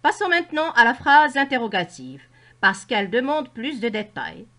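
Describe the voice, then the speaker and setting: Woman teacher, Moroccan French accent, high and very lively pitch, careful classroom explaining. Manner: slow, carefully articulated explanations. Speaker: primary school teacher. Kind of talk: grammar lesson narration.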